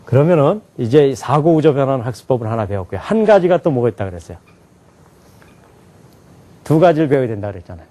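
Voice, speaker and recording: Animated man lecturing a class. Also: mid-range voice, fast talker, long pauses. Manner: animated, asks the class questions and laughs often. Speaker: English teacher at an alternative school. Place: classroom with students.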